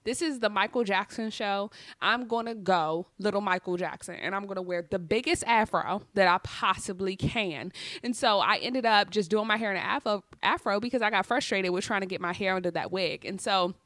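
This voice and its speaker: A young woman co-hosting a podcast, telling a personal story in a casual, expressive way with frequent laughter. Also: medium pitch, a little fast, few pauses, no echo. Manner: animated, expressive, laughs often. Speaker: podcast co-host.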